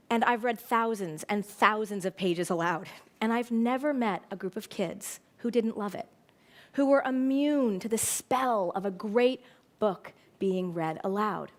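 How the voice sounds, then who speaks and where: A woman in her forties, an educator, giving a prepared talk on stage in an expressive, storytelling manner. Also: medium pitch, unhurried. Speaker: educator and speaker. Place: stage before a live audience.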